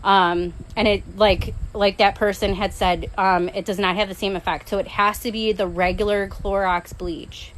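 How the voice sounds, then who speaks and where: A woman's voice: mid-range voice, steady tone, normal speed, hardly any pauses, a little hiss or hum, rough recording. A young woman hosting a casual live craft demonstration outdoors, chatting in a rambling way full of fillers, into a phone. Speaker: crafting tutorial host.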